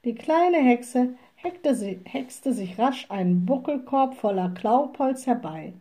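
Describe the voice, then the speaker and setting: A woman reading a children's storybook aloud in a calm, clear way. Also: a little high, slow. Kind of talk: read-aloud storybook narration.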